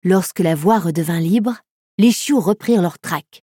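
A woman narrating a children's audiobook in a calm, even storytelling manner. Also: lowish voice, normal speed, slightly rough, dry recording, studio quality.

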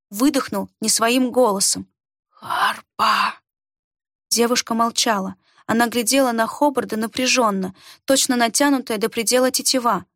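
A woman reads a fantasy audiobook in a steady, expressive way. Her voice is fairly high. The recording is dry and close, with no room sound. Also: dry recording. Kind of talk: audiobook narration.

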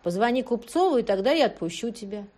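A woman's voice: on the high side, big pitch swings, fast, dark tone, voice pushed up. Woman reading as a bullying male kidnapper. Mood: threatening. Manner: threatening, barking.

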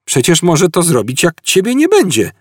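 A man voicing an urgent, oddly literal alien posing as a human, talking in an insistent, hurried, slightly nervous way in an audiobook. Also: high-pitched, huge pitch swings, breathy edge, no echo, clean studio sound, pitched above the performer's own voice, heavily acted. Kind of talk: audiobook character voice.

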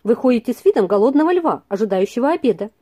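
A woman reading aloud and voicing a lively, impatient young lady with a bright, teasing manner. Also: sits high, a little fast, voice pushed up.

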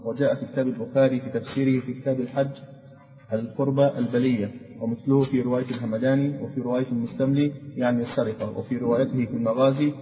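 A man reading classical commentary aloud in class, with a quick, even recitation. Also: medium pitch. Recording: echoey hall on a tinny old tape.

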